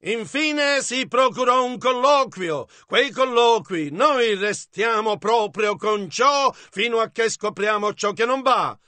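A man interpreting a sermon line by line in a measured, steady delivery, as a close-miked voice-over. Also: very high voice, no echo.

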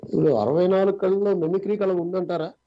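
A man's voice: sits high, steady tone, fast talker, a little hiss or hum. A man with a Telugu accent hosting a radio interview, asking polite, brief questions. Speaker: radio host. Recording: dull lo-fi online radio audio.

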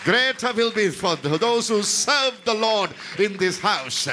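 A man pastor leading a healing service, blessing people with emphatic repetition and now and then breaking into song or shouting. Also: high-pitched, animated, unhurried, some chatter behind, a little hiss or hum.

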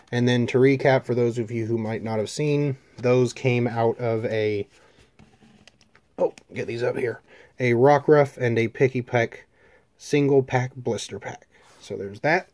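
A man hosting a card-opening video speaks slowly, with a mellow, dark tone. He lists his pulls in a relaxed, drawn-out way, with plenty of fillers along the way. The recording is dry and close. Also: medium pitch, no room sound. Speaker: card-opening channel host. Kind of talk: casual chat.

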